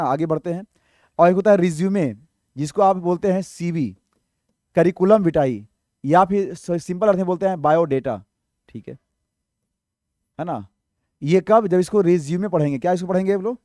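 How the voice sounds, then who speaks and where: A man's voice: sits high, warm tone, no echo, clean studio sound. A man teaching English vocabulary in an online exam-prep lesson, explaining patiently, asking rhetorical questions and checking in often.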